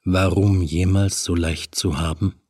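A seductive demon with a hook for a hand, his body swarming with bees, murmurs in a deep, husky near-whisper, as a male narrator puts him on. He draws every word out slowly and menacingly. The audiobook recording is dry and close. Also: fairly even intonation, no room sound. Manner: low murmuring, sinking to a hushed whisper.

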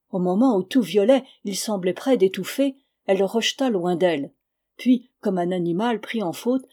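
A woman calmly reading a novel aloud in a measured storytelling manner. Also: medium pitch. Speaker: audiobook reader. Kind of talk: scripted narration of a novel.

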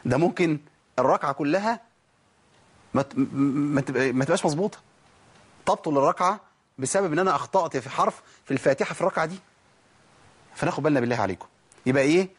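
A husky, slightly high-voiced man with an Egyptian Arabic accent teaches Quran recitation at a brisk clip. He keeps throwing out rhetorical questions and answering them, then stretches out single syllables to model the sounds. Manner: slows to drawn-out syllables when demonstrating pronunciation. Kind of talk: spoken tajweed lesson.

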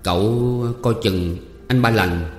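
A man's voice: on the low side, takes it slowly. A man reading as a shy young servant girl. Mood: worried. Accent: Southern Vietnamese. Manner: hesitant, worried pleading. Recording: roomy reverb, faint music.

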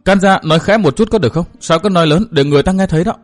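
A man's voice: high voice, rapid-fire, faint music behind, pitched above the performer's own voice, natural voice. A man voicing a headstrong, jealous young woman who argues emotionally with her godfather. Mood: questioning. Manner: emotional, pleading.

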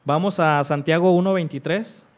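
A man preaching a sermon, stressing repeated refrains and reading scripture aloud with deliberate pauses. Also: fairly high pitch. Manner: emphatic repeated refrains, rising on each.

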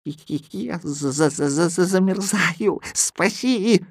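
A man reading an audiobook, voicing a loyal pet cat who wheezes hoarsely and calls for his master. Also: high voice, extremely slow, no echo, clean studio sound, voice pushed up, exaggerated voice. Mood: suffering. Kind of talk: audiobook character voice.

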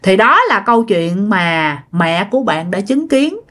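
Lively Southern Vietnamese woman telling ghost stories. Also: mid-range voice, measured pace. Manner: chatty, addresses listeners directly. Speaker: storyteller. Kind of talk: ghost story narration.

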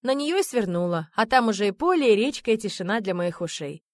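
Lively woman reading a story aloud. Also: mid-range voice, a little fast, no echo, studio quality. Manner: lively, expressive, playfully ironic. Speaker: audiobook narrator. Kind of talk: first-person audiobook narration.

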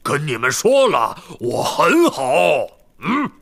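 A man voicing a huge, stubborn male gamekeeper with a gruff, hoarse voice in an audiobook. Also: medium pitch, huge pitch swings, measured pace, pushed and bright, voice pushed up, exaggerated voice. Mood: insistent. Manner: stubborn, insistent. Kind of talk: audiobook character voice.

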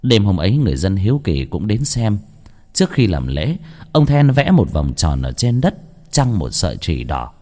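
A man narrates a ghost story in a low voice that climbs and falls with a lot of movement. His reading is dramatic and expressive, and a long reverb trails behind each line. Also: moderate pace.

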